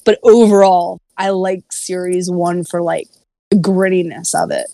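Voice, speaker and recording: A woman's voice: on the low side, fairly even intonation, measured pace, vocal fry, dry recording. Rambling woman in casual chat. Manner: rambling, lots of "like", trails off quietly. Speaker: podcast co-host.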